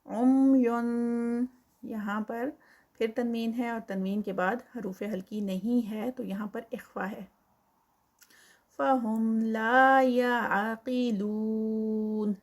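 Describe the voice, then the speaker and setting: A woman teaching Quran recitation. She chants verses slowly and drawn out, then explains the rules quickly, mixing in English counting terms. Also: mid-range voice, steady tone, darkish tone. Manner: mixes English counting terms into her speech.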